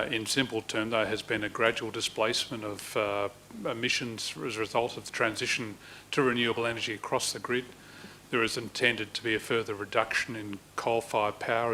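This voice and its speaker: Bright-toned chief executive giving formal answers. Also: male voice, on the low side, a little hiss or hum, low-quality recording. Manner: formal, explanatory.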